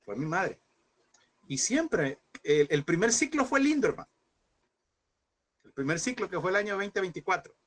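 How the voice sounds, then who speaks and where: A fervent man in his thirties preaching at a seminary class, with a fairly high voice. He keeps calling his listeners "brother" and speaks with grief in his voice. He pushes them to persevere. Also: very animated, normal speed, pauses often, fairly bright tone. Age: 30s. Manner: fervent, addresses listeners as "hermano". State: emotional, speaking through grief. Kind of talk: impassioned sermon-style class.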